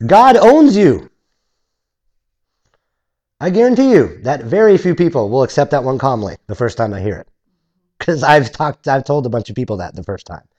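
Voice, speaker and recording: Animated man teaching scripture. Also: mid-range voice, fairly quick. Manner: animated, acts out objectors in voices; conversational, with restarts. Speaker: preacher. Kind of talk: expository Bible teaching.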